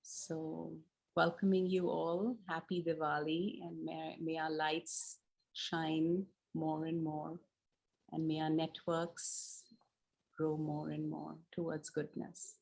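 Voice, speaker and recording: A woman giving a gentle, blessing-like welcome to a conference over a video call. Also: low voice, level tone, slow, vocal fry, rough recording.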